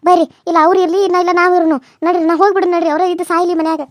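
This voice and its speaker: A shrill, very high, berating cartoon mother-in-law with a North Karnataka Kannada accent, voiced by a woman. She fires off her scolding at a breakneck clip, repeating herself. The sound is dry and close. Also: little pitch movement, very fast, no echo. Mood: raging. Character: furious scolding middle-aged mother-in-law. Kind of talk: cartoon serial voice acting.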